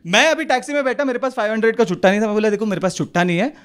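A young man with a Mumbai Hindi accent doing an animated stand-up set on a club stage, swinging his voice into quick street characters. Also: high-pitched, smooth. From India. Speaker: stand-up comedian. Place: comedy club stage with live audience. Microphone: handheld stage mic. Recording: live club recording with audience laughter.

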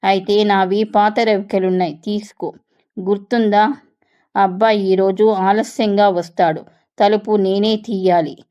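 A harsh, domineering old mother-in-law who lashes out in sharp scolding tones, as a woman reading the story puts her on. She sounds cold and proud in this storybook reading. Her voice sits at an ordinary middle pitch. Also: steady tone, measured pace, lo-fi sound, natural voice.

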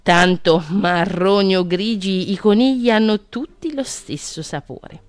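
A woman's voice: mid-range voice, measured pace, clean tone, dry recording, studio quality, natural voice. A woman voicing a hungry, sly fox in a children's storybook reading, with a grumbling manner.

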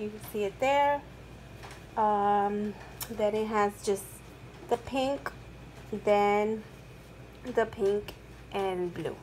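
A middle-aged woman, off-screen, narrating a shopping haul in a slow, chatty, upbeat way, recorded at home on a camera mic. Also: medium pitch, poor audio. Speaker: haul vlogger. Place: indoors at home, rain outside. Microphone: camera mic, off-screen, hands in frame. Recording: rain noise in background.

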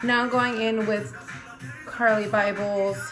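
A woman's voice: mid-range voice, fairly even intonation, takes it slowly, music in the background. A young woman talking casually and playfully to the camera, and partly to herself, as she applies makeup. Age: young adult. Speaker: beauty vlogger. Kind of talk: casual get-ready-with-me chat while doing makeup. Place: indoor room at home.

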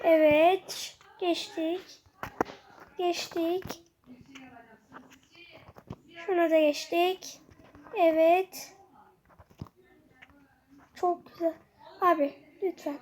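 High-voiced child narrating a game. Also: drawn-out words, pauses often, a little hiss or hum. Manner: excitable, talks to self while playing. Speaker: gamer. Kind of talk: gameplay commentary.

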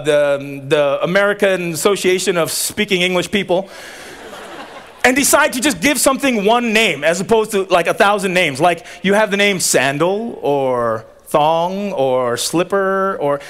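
A man from Tonga, a native Tongan speaker, preaches an energetic commencement sermon from a tent stage outdoors at a graduation. His voice sits high. He jokes, stays animated, and gets the crowd calling back to him.

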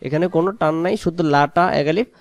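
A man with a Bangladeshi Bengali accent teaching a Quran recitation lesson, slowly chanting verses and then briskly explaining the pronunciation rules. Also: a little high, no room sound.

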